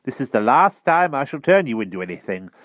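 A man voicing an old male wizard, a cheerful and fussy tutor who speaks in a brisk, raised voice. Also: mid-range voice, big pitch swings, dry recording, muffled recording, pitched above the performer's own voice, lightly acted.

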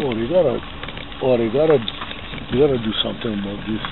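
A Hawaiian local man vlogs casually while touring by car along the shore, his mid-range voice quick. The phone video from a handheld camera inside the car is tinny and band-limited, with loud car noise.

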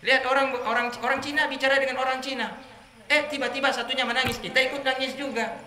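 A man preaching a religious study sermon to a group of women, telling lively stories and jumping higher in pitch for anecdotes. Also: fast. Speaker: Islamic preacher. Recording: echoey room with background noise.

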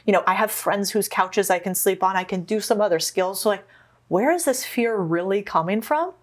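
A woman from Arizona talks through her own story in a relaxed interview. She tells it with energy and drops into little quoted voices along the way. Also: medium pitch, normal speed. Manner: animated storytelling, acts out quotes. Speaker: podcast guest, entrepreneur. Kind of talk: casual interview conversation.

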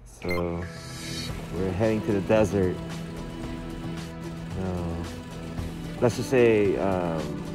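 A low-voiced man narrates his gameplay casually, muffled behind a face mask. His delivery is slow and hesitant, with long pauses. Game music plays clearly behind him, along with gunfire and vehicle noise. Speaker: gamer narrating own gameplay video. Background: game music, gunfire, vehicle sounds.

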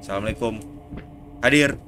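A man's voice: on the low side, moderate pace, over music. Jumpy Indonesian man gaming. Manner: jumpy, swears when startled. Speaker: gaming streamer. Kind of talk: casual gameplay commentary. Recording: noisy background.

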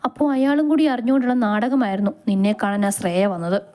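A woman's voice: mid-range voice, expressive, fast talker, warm tone, lightly acted. A woman voicing a young woman friend who speaks with contempt. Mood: contemptuous.

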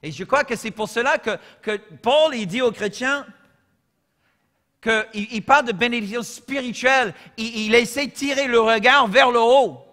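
A man from the United States with an American accent, preaching a sermon as pastor, telling humorous stories and swinging from soft asides to shouted lines. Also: very high-pitched, moderate pace. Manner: humorous storytelling. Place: church. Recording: long church reverb.

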